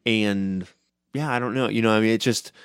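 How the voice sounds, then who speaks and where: A man co-hosting a podcast about running tabletop games, talking loud and fast in casual chat and tagging many sentences with "right?". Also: fairly low pitch, steady tone, clean tone, no room sound, studio quality. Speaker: podcast co-host and game master.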